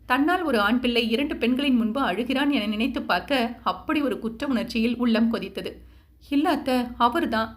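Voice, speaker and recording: A woman narrating a family drama novel as a steady storyteller. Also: fairly high pitch, fairly quick. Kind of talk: scripted narration.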